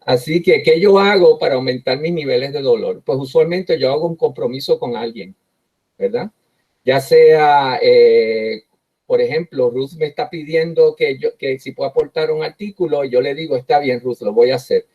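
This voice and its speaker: A middle-aged man, a professor, talks reflectively about how he writes, often pausing on fillers and asking "right?" to his listeners. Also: mid-range voice. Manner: tags sentences with "¿verdad?" and pauses often on "eh". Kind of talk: reflective talk on his writing process. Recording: dull lo-fi recording.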